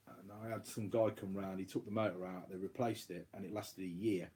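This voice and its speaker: A chatty man, talking on a relaxed live stream. His voice sits a little low, and he rambles from one thing to the next, laughing often. A faint hiss runs under the recording. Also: fairly quick. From United Kingdom. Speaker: co-host of a live chat stream. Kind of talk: casual live chat.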